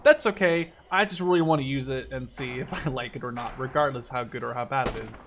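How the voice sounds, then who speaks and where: Playing a shooter game, a twenty-something Dutch video creator talks casually and meanders, frequently fixing his own words as he concentrates. His mid-range voice moves fairly quickly against a noisy backdrop of the game's loud artillery and gunfire.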